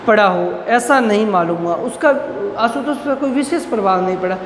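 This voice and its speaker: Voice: mid-range voice, normal speed, roomy sound, long reverb tail, a little hiss or hum. A college teacher who reads out a Hindi story line by line and then restates each line in plain words. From Rajasthan, India.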